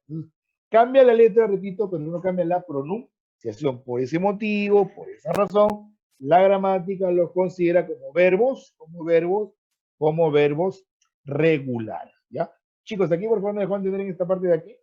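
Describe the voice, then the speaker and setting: A male teacher explaining grammar in an online class, checking in often with his students and repeating words as he goes. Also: sits high. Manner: repeats words while searching. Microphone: video call. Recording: dull lo-fi video call audio.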